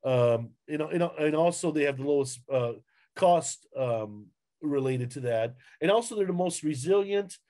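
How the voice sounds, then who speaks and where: A man's voice: a little high, lively intonation, mellow. A man presenting a webinar over a video call, talking through slides with frequent fillers and restarts. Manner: halting, many fillers and restarts. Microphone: webcam on video call.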